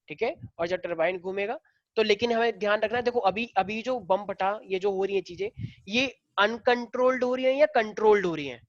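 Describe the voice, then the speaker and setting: A man's voice: high-pitched, dry recording, lo-fi sound. A male teacher lecturing a class in a casual way, explaining step by step and firing questions at the students.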